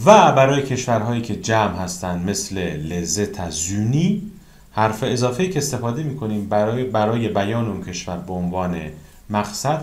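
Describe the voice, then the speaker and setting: A man teaching a beginner French grammar lesson, explaining each rule and then saying French example phrases slowly and carefully. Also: fairly low pitch, a little mellow, echoey room.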